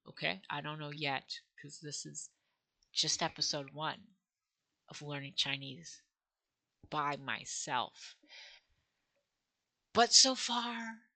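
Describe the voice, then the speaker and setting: A woman's voice: deep voice, gravelly, pushed and bright. A woman teaching herself a language on camera, thinking aloud and sounding out syllables in a playful, self-mocking way. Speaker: language learner vlogger. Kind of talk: casual think-aloud vlog.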